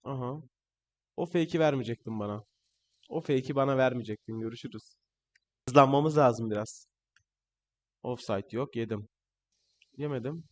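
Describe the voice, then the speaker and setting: A young man commentating his own football video game match, excitable and shouting at the players on screen, his voice a bit strained. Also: medium pitch, moderate pace, pauses often. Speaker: gaming channel host. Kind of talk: live gameplay commentary.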